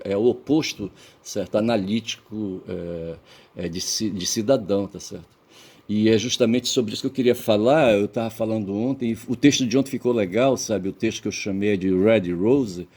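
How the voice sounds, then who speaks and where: A Brazilian man vlogging in a digressive, lecturing monologue, peppered with "tá certo?" and "sabe?" and trailing off quietly at the ends of phrases. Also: on the low side. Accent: Brazilian Portuguese. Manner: casual swearing, lecturing tone. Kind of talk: rambling casual monologue.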